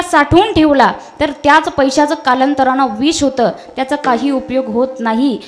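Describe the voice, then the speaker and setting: A woman's voice: sits high, a bit bright. A woman preacher giving a devotional kirtan sermon, addressing the audience directly with storytelling and questions.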